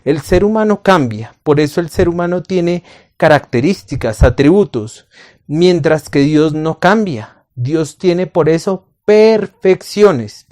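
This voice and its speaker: Male Bible teacher, deliberate and emphatic, poses questions then answers them himself. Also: fairly high pitch, expressive, darkish tone. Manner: addresses the listener as friend. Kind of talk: recorded Bible lesson to camera.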